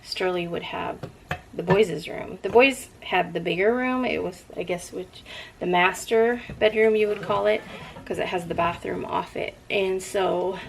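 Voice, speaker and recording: Middle-aged female vlogger, lowish creaky voice, loose rambling conversational delivery, some background noise. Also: measured pace, poor audio. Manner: rambling, often drifting off topic and picking the thread back up. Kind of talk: casual rambling chat.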